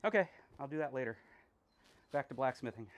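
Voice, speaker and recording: Man, blacksmith, casual chat while forging, thinks aloud, self-deprecating, many fillers, medium pitch. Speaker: blacksmith streamer. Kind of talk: casual talk while working. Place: blacksmith workshop.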